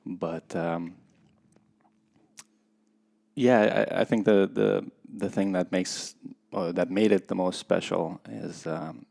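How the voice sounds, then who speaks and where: In a casual podcast interview, a man in his thirties from Russia who competes in skydiving speaks in a low-pitched, gravelly voice that's a little mellow and steady in tone. He is reflective and unhurried, often hesitating and pausing.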